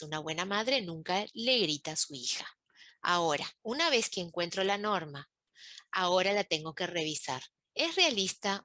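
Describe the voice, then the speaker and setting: A woman's voice: mid-range voice, pushed and bright, dry recording. A woman coach, giving a webinar talk and explaining step by step, often checking in with "¿sí?". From Uruguay. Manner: explanatory, asks rhetorical checks.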